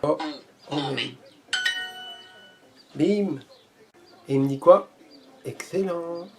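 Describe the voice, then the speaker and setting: A man's voice: fairly high pitch, very slow, vocal fry, noisy background. A man chatting casually in a vlog while learning Portuguese, playful and jokingly boastful, repeating foreign phrases as he tries them out.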